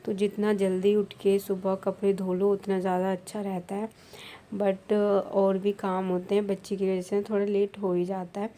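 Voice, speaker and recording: Explaining her household chores step by step, a young Indian vlogger narrates in a casual voice-over. Her medium-pitched voice is mellow and level, moving at a normal speed.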